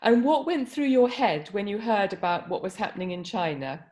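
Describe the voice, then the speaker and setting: A woman interviewer asking questions in a gentle, encouraging, conversational way. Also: medium pitch, moderate pace.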